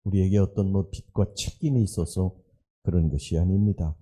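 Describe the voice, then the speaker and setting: Low, dark-voiced man preaching. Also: steady tone, moderate pace, husky. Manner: rhetorical questions, earnest exhortation. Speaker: pastor. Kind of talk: dawn sermon.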